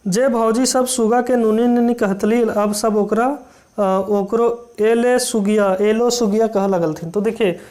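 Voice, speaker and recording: A teacher explains a folk tale, reading dialect lines slowly and then restating them in plain words with many fillers. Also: mid-range voice, fairly even intonation, a little mellow.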